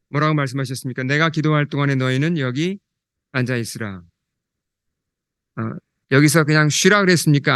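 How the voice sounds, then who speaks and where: Korean-speaking male pastor, higher voice. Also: clean tone, no room sound, clean studio sound. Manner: asks the congregation questions, reads scripture aloud; slows down and drops soft when quoting scripture. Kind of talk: sermon.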